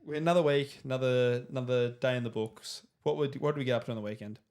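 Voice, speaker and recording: A young man hosting a casual sports podcast, rambling with halting restarts. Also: mid-range voice, a little mellow. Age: young adult. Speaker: podcast host.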